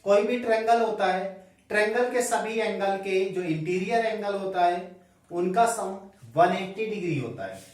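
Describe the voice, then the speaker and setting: A man teaching a maths class at the board, dictating each step slowly and spelling out angle letters, mixing in English terms. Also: sits high, lively intonation. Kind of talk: blackboard lesson, dictating steps slowly. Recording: echoey room, voice from a distant mic.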